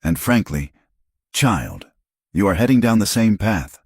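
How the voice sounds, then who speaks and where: A man voicing a sharp-tongued, judgmental townswoman in a western audiobook. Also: fairly low pitch, sing-song, unhurried, husky, no echo, clean studio sound, voice pushed up, heavily acted. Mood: disapproving. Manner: sharp, disapproving.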